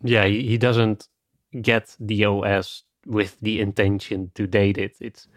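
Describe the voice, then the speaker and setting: A man's voice: lowish voice, flat delivery, a little slow, no echo, clean studio sound. A man co-hosting a film podcast, talking things through in a casual, conversational way with a lot of "you know" and "like.". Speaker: podcast co-host.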